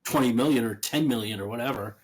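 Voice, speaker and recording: A man with a husky, slightly breathy voice, speaking as a guest author in a relaxed conversational interview. He is chatty, laughs easily, and often trails off and restarts his thoughts mid-sentence. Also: medium pitch, fast.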